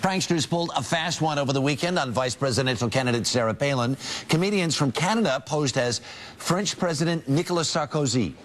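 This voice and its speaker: A man anchoring a morning news show, introducing a segment and interviewing guests in the studio in a brisk, jokey way. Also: on the high side, animated, slight background noise.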